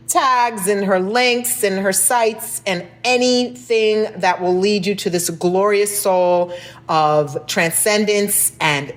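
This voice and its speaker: A woman hosting a podcast interview, effusive and calling her listeners "folks". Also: fairly low pitch. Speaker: podcast host.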